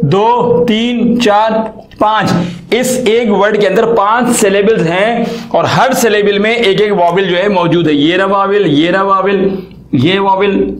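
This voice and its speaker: Chatty high-voiced man teaching English. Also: roomy sound. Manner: chatty, folksy, asks rhetorical questions. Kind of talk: casual explanatory lesson.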